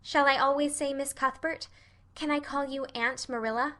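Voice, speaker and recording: Storybook orphan girl, played by a woman: high, bright, wordy and dramatic, earnest and pleading. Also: fairly even intonation, moderate pace. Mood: wistful. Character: earnest, imploring, dreamy young orphan girl, talkative. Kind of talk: audiobook character voice.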